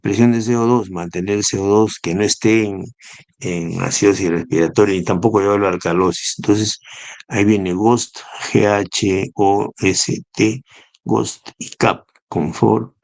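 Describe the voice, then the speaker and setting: Gravelly low-voiced man teaching medicine. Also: fairly even intonation, moderate pace, a little mellow, no echo. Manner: explanatory, spells out acronyms, asks rhetorical "¿no?". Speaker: neurosurgery lecturer. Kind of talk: recorded medical lecture.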